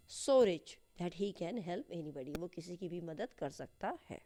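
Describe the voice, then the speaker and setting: A woman teaching English grammar and literature in a lesson that walks through an exam paper, explaining in Hindi and slowly dictating English sentences. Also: medium pitch, mellow. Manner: slow, deliberate dictation of English phrases.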